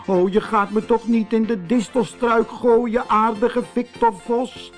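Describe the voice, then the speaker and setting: A man voicing a cheeky, boastful young male rabbit trickster in a storybook, squeaky and bossy. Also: animated, unhurried, darkish tone, soft background music. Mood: mock pleading. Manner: squeaky, bossy and pleading by turns.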